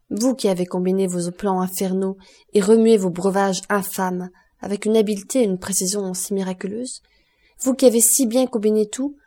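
A woman reading the part of a cold, stern male magistrate who accuses with measured contempt in an audiobook. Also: medium pitch, dark tone, close to an everyday voice.

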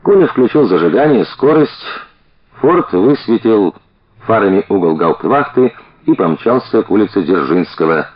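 A man reading a crime story aloud as an audiobook narrator, in a dramatic, lively manner. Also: lowish voice, moderate pace, lo-fi sound.

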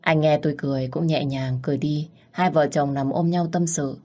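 A woman narrating a first-person love story in a gentle, emotional reading voice. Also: low voice, steady tone, a little fast.

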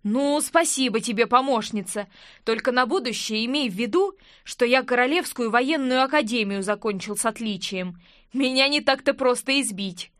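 A sarcastic young investigator in an audiobook, growling dry remarks, as a woman reader gives him lines. The voice stays high and close, with a dry sound. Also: moderate pace, fairly bright tone, no room sound, natural voice.

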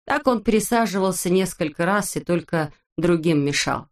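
A woman narrating a children's storybook in a fairly low, clear voice. Her reading is expressive and unhurried.

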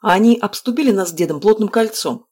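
A woman reads a first-person fantasy novel aloud as an audiobook narrator. Her telling is wry and lively, with quick asides to the listener. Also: mid-range voice.

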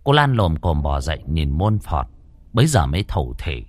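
A man narrating a folk horror story in a lively, colloquial and earthy way. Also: very deep voice, normal speed, dry recording.

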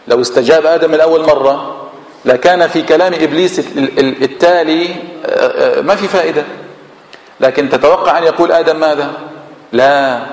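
Man, Levantine Arabic accent, mosque exegesis lesson, fairly high voice, answers his own questions, long hall echo. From Syria. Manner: asks rhetorical questions and answers them himself. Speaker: sheikh teaching Quran exegesis.

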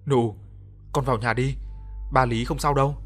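A man's voice: medium pitch, steady tone, normal speed, breathy edge, faint music behind, close to an everyday voice. A man voicing a desperate father in debt, who pleads and cries out in an audio story. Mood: pleading. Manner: pleading, then screaming. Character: desperate grieving indebted father.

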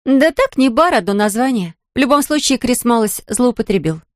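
A brisk, scornful young woman, voiced by a woman narrator rattles off gossip in a bright raised voice. The audiobook sound is dry and close, with no room around it. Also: on the high side, lively intonation, no echo, voice pushed up, close to an everyday voice. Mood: chatty, scornful. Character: lively outspoken young woman friend, sharp-tongued gossip.

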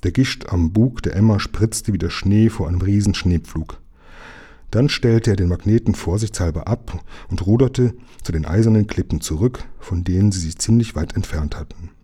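A man calmly reading a children's book aloud in an even storytelling voice. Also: low-pitched, normal speed, husky.

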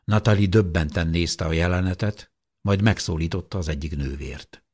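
A man narrating an audiobook in a very low, husky voice with a breathy edge. He reads at a steady, measured pace, keeping the narration even and clear. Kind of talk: scripted narration.

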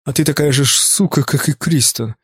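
A man voicing a cruel, obsessed young man who threatens, speaking in a lowered menacing voice for an audiobook. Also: brisk, husky, no room sound, studio quality.

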